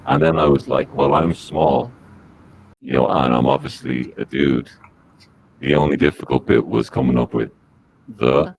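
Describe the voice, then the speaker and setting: A man speaking through a disguised deep voice as a podcast guest, giving rambling, halting answers. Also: animated, creaky, noisy background. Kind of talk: comic podcast interview.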